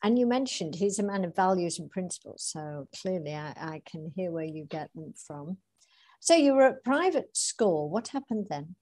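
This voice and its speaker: A woman hosting a podcast interview, chatty and quick to laugh. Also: fairly low pitch, lively intonation, dark tone, dry recording. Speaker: podcast host. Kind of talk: casual interview.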